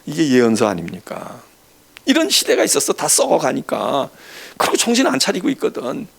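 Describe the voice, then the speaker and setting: Lively, gravelly-voiced Korean pastor preaching. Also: male voice, fairly high pitch, a little fast. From South Korea. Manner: conversational, acts out quoted voices, swings from soft asides to stern emphasis. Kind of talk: sermon.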